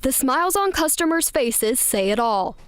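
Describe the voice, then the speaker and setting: A woman's voice: high-pitched, very animated, moderate pace, smooth, no room sound, studio quality. Upbeat woman reading a news voice-over. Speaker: student news reporter.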